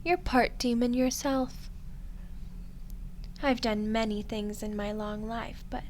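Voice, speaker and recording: A woman voices an ancient demoness in a roleplay ASMR drama, speaking slowly and deliberately in a slightly high, steady voice. The character is smug and condescending, musing and revealing with cool menace and dramatic pauses, while some background noise sits under the recording.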